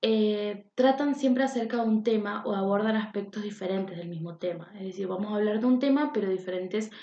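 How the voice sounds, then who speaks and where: A woman's voice: medium pitch, brisk, mellow. A young woman, a university student presenting a class lesson with many hesitations and fillers. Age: young adult. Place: room at home. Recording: echoey, dull lo-fi home recording.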